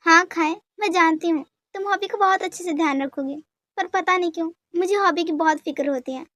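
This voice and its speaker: A woman voicing an anxious, caring young woman who is quick to anger, with a pleading, emotional manner, in a fan dub drama. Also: very high voice, a bit bright, dry recording. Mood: worried.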